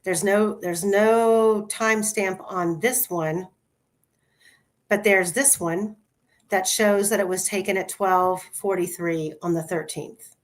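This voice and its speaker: Heard through a computer mic on a video call, a woman with a medium-pitched voice speaks slowly as she shares her screen. In this casual online discussion, she hosts by presenting trial photos, calling them out one at a time in a methodical, steady way.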